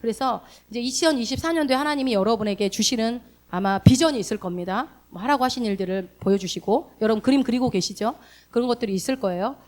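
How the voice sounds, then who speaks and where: A woman pastor preaching a sermon in a casual, direct way, asking the congregation questions and swinging from loud emphatic bursts to hushed soft asides. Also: fairly high pitch, fast talker. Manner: laughs during delivery. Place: church sanctuary.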